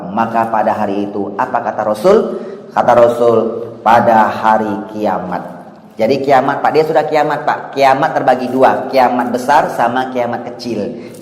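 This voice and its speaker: A man's voice: medium pitch, fairly even intonation, moderate pace. Man preaching in an echoey hall. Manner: addresses the audience with 'Pak' and 'Bu' after nearly every phrase; storytelling, with swings between loud and hushed. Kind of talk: sermon. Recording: echoey hall with long reverb.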